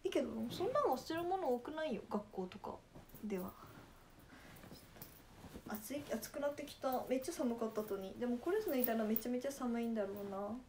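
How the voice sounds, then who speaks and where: A young woman with a Nagasaki dialect chats playfully and laughs often as she answers her viewers. Her voice sits a little high, and a faint hiss of noise runs under the talk. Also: animated, brisk, dark tone. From Japan, Nagasaki. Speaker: idol livestreamer. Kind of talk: casual livestream chat.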